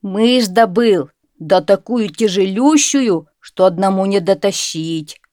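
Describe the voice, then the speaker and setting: A woman voicing a boastful, dim-witted young male hunter in a storybook tale, exclaiming loudly and stretching her words. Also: medium pitch, dry recording, studio quality, natural voice. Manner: loud, eager, drawn-out exclaiming.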